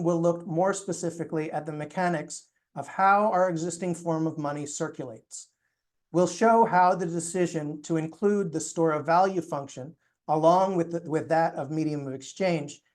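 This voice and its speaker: Man, course presenter, measured lecture delivery, slightly raised pitch, voice wearing out. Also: a little mellow. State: losing his voice. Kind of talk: reading a prepared lecture.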